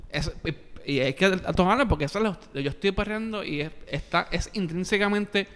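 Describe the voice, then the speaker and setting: A man's voice: high-pitched, fairly quick, a bit bright, clean tone. A man with a Puerto Rican accent debating informally and insistently, often repeating his points. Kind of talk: heated informal debate, Spanish mixed with English. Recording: echoey hall-like reverb.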